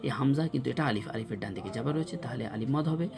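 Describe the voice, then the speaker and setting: Man teaching Quran letters slowly. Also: mid-range voice, music in the background. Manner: drills letters slowly with repetition. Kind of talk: slow recitation lesson.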